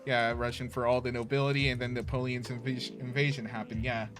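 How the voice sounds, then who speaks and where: A man's voice: medium pitch, flat delivery, quick pace. A man hosting a tabletop game stream, chatting casually with many fillers and the odd swear word. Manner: rambling, full of fillers and swearing. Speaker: stream host. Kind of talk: casual chat before a tabletop session. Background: faint background music.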